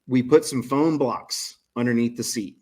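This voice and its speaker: A man's voice: medium pitch, normal speed, a little mellow, breathy edge. Enthusiastic man in his forties. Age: 40s. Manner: enthusiastic, promotional. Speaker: podcast guest. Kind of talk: casual chat.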